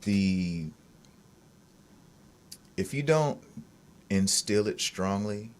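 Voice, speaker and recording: A man in his thirties, a fitness coach, speaking calmly and smoothly in an interview. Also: on the low side, slight background noise. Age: 30s. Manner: calm, smooth, measured. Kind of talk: reflective interview answers.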